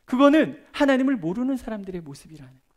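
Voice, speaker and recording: A middle-aged man preaching a prayer-meeting sermon as a pastor, chatting through personal stories and moving between loud emphasis and soft, hushed asides. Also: extremely high pitch, sing-song, rapid-fire. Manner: conversational, tells personal stories with gestures.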